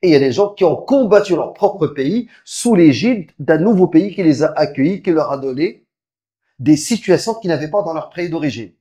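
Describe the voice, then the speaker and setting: A preacher delivers a religious lecture, explaining things step by step and quickly reciting Arabic verses. He often halts and restarts his sentences, with lively swings in pitch and volume.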